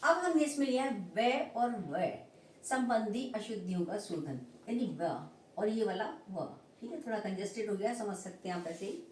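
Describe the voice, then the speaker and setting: A woman's voice: medium pitch, expressive, moderate pace, a little mellow, a little hiss or hum. A woman teacher giving a grammar lesson, explaining patiently and often checking in with her students. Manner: explanatory, repeats "ठीक है" to check understanding. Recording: echoey room, voice from a distance.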